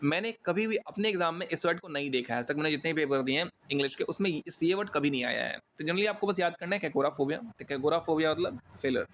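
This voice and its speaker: A man's voice: fairly high pitch, animated, fast talker, few pauses, a bit bright, a little hiss or hum. A man with an Indian accent giving a casual vocabulary lesson, chatty with jokey asides and some stumbles over long words. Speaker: exam English teacher.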